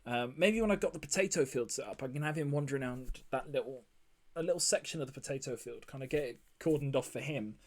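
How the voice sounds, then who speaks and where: A man's voice: mid-range voice, quick pace. A man giving casual, rambling commentary while he builds in a game, with lots of ums and asides. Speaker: let's play host.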